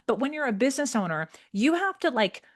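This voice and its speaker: A woman speaking as a coach and interview guest, explaining her method informally with animated emphasis. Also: on the high side, brisk. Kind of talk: conversational teaching.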